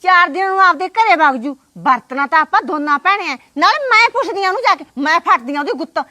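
An actress playing a middle-aged mother of the household in a Punjabi short drama, pleading and placating in a gentle way. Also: extremely high pitch, expressive, quick pace, no echo, heavily acted.

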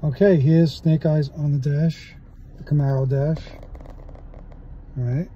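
A man's voice: on the high side, measured pace, lo-fi sound, slight background noise. A man in his forties casually reviewing a toy on camera from inside his parked car, chatty and full of fillers. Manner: relaxed, chatty, with many fillers. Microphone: phone camera at arm's length.

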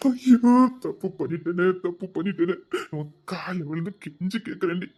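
A woman's voice: medium pitch, a little fast, a little mellow, close to an everyday voice. A woman voicing a remorseful young husband, tearfully pleading and repeating apologies, in a spoken drama. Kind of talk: Tamil audio drama acting.

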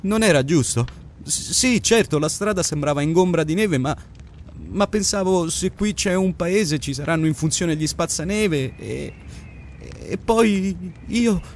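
A man voicing an anxious, excitable middle-aged motorist who stammers in a high, agitated voice. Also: fairly quick, a little hiss or hum, exaggerated voice.

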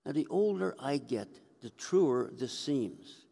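Speaking slowly in a mid-range, creaky, mellow voice with lively intonation, an older priest tells stories through a conversational sermon, gesturing as he goes. The sound comes from a gooseneck mic at the lectern inside a church sanctuary, with the hall's reverberation audible.

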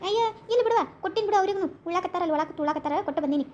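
A chatty village aunty in a cartoon, talking in a North Karnataka accent. She rattles along very fast in a high voice, fussing over her guests. A faint noise sits under the voice. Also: darkish tone, highs cut off. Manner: rapid, fussing, reassuring. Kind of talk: cartoon comedy voice acting.

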